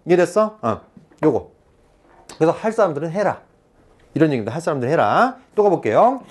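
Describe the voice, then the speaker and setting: A man tutoring students for an exam, lecturing in a chatty, animated way, often checking in with "right?" and acting out little scenes. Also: fairly high pitch, fairly quick, slightly rough. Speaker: Korean-language exam tutor.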